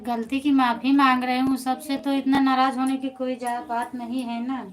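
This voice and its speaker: A woman with an Awadhi accent hosts a casual live stream on her phone. Her voice sits high and stays fairly even in tone. She chats with her viewers, answers them by name and reassures them warmly. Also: normal speed, poor audio. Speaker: folk singer hosting a live stream.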